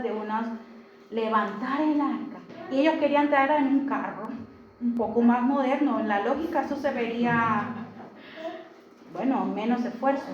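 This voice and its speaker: Delivering a Sunday sermon in a church hall, a woman with a slightly high voice stresses her points, repeats key phrases, and often asks the congregation rhetorical questions. The church recording is echoey and a bit dull, with a little hiss or hum.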